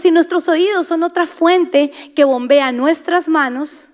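A woman delivering a sermon in a high, bright-toned voice. She is dramatic, sinks into whispers to stress a point, and acts out the voices she describes. She asks the women listening to repeat key words back to her. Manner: dramatic, drops to whispers for emphasis. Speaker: preacher.

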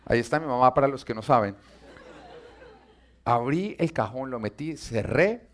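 A man preaching a sermon and telling humorous stories, speaking directly to his audience in a playful, animated way. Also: medium pitch, normal speed, a faint crowd.

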